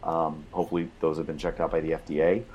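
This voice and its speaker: A man's voice: rumbling low, flat delivery, fast, a little mellow, dull audio, a little hiss or hum. A man co-hosting a casual gaming talk show, joking with a dry, sarcastic humor. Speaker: podcast co-host. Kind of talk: casual chat.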